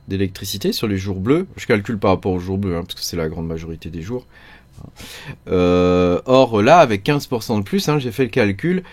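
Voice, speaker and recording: This low, darkish voice belongs to a French host of a crypto mining channel. He rambles casually through his explanations, leaning heavily on fillers such as euh, hein, and quoi.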